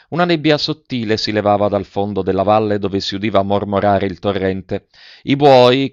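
Low-voiced man reading a novel. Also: no room sound. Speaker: narrator. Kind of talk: scripted literary narration. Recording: dull, dry recording.

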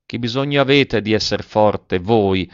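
A man's voice: on the low side, unhurried, clear, resonant tone, dry recording, close to an everyday voice. A man voicing a desperate, obsessive young nobleman who speaks with feverish passion. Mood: pleading. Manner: impassioned, rising to cries. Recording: dull dry lo-fi recording.

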